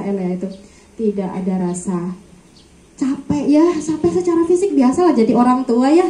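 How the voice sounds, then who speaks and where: A woman's voice: sits high, warm tone, slight background noise. Heartfelt woman giving testimony in echoey hall. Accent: Indonesian. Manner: heartfelt, repeats "ya" often, addresses the congregation. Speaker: mourner giving a testimony at a memorial service. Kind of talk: emotional spoken testimony.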